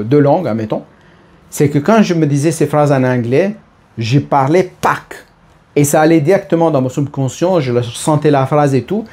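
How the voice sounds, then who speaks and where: A middle-aged man with an Italian accent and a fairly high, mellow voice speaks casually to the camera about personal growth. A personal development speaker, he is hesitant, often restarts his phrases and addresses the listener as tu.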